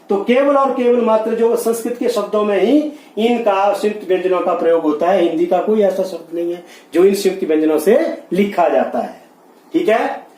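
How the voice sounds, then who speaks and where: A man's voice: high-pitched, a little mellow. A male Hindi teacher giving a grammar lesson, spelling letters out piece by piece and asking and answering his own questions. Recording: echoey room, mic at a distance.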